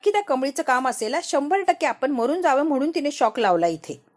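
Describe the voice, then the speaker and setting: A woman voicing a scheming woman in a retold family serial, who is suspicious and quick to blame others. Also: high voice, animated.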